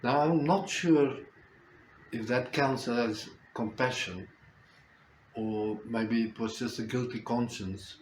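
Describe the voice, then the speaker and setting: An older man with a South African accent and Afrikaans as his first language, telling a personal story reflectively with halting, deliberate phrasing. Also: mid-range voice. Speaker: storyteller, host. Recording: roomy echo with faint background noise.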